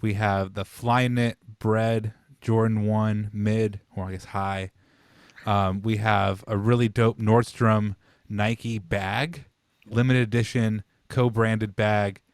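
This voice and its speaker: His voice is on the low side, flat and slow, recorded in a clean studio with no room sound. As a podcast co-host, he keeps things casual and chatty, telling stories and cursing a bit.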